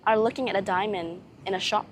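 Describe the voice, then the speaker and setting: A woman voicing a serene, loving goddess in a channelled spiritual message, speaking solemnly with long pauses between short phrases. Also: mid-range voice, fairly even intonation, a little hiss or hum, lightly acted.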